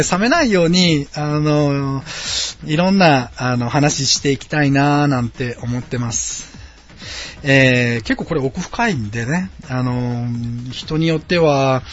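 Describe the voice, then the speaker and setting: Man, late 30s, from Osaka, casual solo podcast host, meandering and hesitant, dull lo-fi sound, soft music underneath. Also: medium pitch. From Osaka, Japan. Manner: rambling and friendly, many hesitant fillers. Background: quiet background music.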